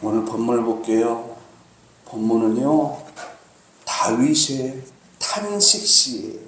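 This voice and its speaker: A man preaching a sermon as pastor, earnest, with dramatic pauses and slow emphasis. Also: medium pitch, animated, a bit bright. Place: church sanctuary. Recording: very echoey church hall, faint noise.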